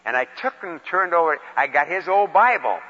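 A man's voice: high voice, animated, moderate pace, pushed and bright, breathy edge. A man preaching in a folksy, plain-spoken way, mixing questions to his listeners with personal storytelling in short phrases. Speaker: preacher leading a Bible lesson. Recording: dull, reverberant large-hall recording.

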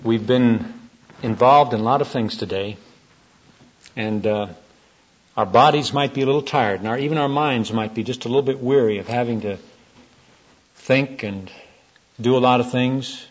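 Husky-voiced preacher telling a story. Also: male voice, medium pitch, moderate pace, pauses often. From United States. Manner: folksy storyteller, gentle and earnest. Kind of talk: sermon with storytelling. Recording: dull lo-fi recording.

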